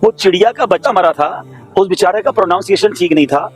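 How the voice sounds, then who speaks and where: A man hosting a religious talk show, telling a story in a quick, lively way. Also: high voice, husky, faint music behind, low-quality recording. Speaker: host.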